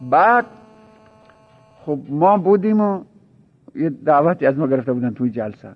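On a dull, lo-fi recording, a man with a somewhat high voice teaches a relaxed seminary class. He is a religious teacher who explains ideas casually, returning to the same examples and laughing through little stories.

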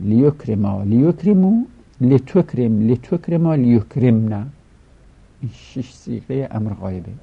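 A man's voice: on the low side, creaky, dark tone, husky. A man teaching a grammar lesson, reciting verb forms in a rhythmic, chanting way. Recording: dull lo-fi recording.

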